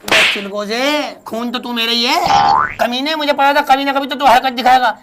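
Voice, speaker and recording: A man's voice: extremely high pitch, moderate pace, heavy background noise. A man playing a wealthy, fierce old mother-in-law in a comedy sketch, scolding and pleading melodramatically. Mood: furious.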